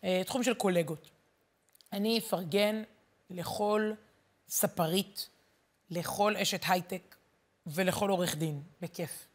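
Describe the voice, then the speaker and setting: A woman who teaches and works as a journalist, giving a lively, emphatic Torah lesson and repeating words as she searches for them. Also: on the low side, pauses often.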